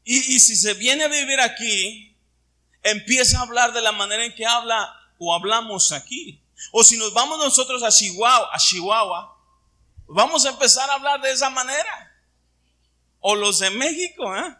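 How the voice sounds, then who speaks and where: High bright-voiced Mexican pastor preaching. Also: male voice, moderate pace. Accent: Puerto Vallarta Mexican Spanish. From Puerto Vallarta, Mexico. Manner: preaching with questions to the congregation. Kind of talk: sermon.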